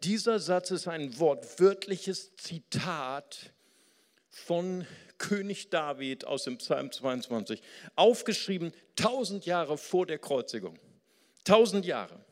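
Older man, Rhineland German accent, sermon, dramatic shifts from hushed to loud, long hall reverb. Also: a little high, sing-song, slow. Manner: dramatic swings from hushed to loud emphatic delivery. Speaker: preacher.

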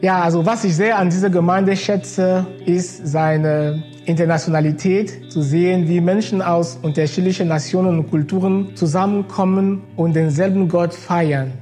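Mellow man speaking gratefully. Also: high-pitched, steady tone, moderate pace, hardly any pauses. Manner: grateful, earnest. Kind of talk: video testimony. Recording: faint guitar underneath.

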